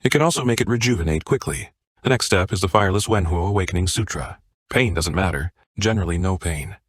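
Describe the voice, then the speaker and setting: A man narrating a comic story recap in a flat, even reading style. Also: low voice, fast talker, no room sound, studio quality.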